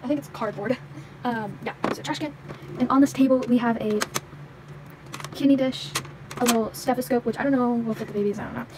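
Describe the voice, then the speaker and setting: A young toy unboxing vlogger, off screen behind a handheld phone camera, casually shows the pieces of a toy vet clinic playset. Her fairly high voice moves a little fast, pausing often and full of "like" and "um," with audible background noise.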